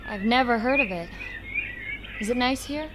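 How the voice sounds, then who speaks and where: An actress in an audio drama playing a curious, sceptical young feline alien companion, plain-spoken and dry. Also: female voice, fairly high pitch, moderate pace, background noise, lightly acted.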